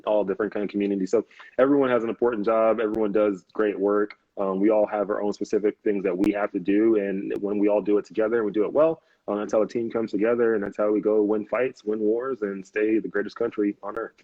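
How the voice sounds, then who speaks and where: Talking fast in a level, lowish tone, this American man in his thirties is a Navy officer on a live interview. He's relaxed, laughs often, and fills his speech with "um"s and false starts. There's no echo, though the video call audio is dull and lo-fi.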